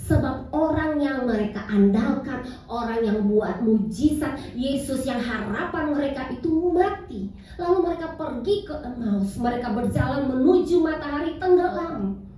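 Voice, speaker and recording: A middle-aged woman preaches with a high, mellow voice, often turning to the congregation and calling for amens. The sound is drenched in hall echo and picked up from a distance. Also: lively intonation, moderate pace. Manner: repeatedly addresses congregation, calls for amen. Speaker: pastor. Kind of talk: sermon. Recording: very echoey hall, distant mic.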